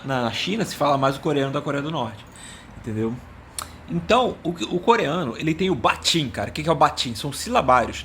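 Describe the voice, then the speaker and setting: Man, slightly high voice, joking monologue full of stumbles and self-mockery, faint background hiss. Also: vocal fry. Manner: rambling, self-mocking, stumbles and searches for words. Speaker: language video host. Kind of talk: casual comedic monologue.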